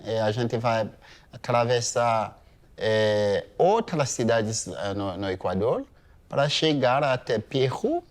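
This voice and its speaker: Slow, hesitant Haitian man in his thirties. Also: mid-range voice, animated. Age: 30s. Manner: slow, hesitant, many pauses and fillers. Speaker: interviewee. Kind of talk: museum testimony.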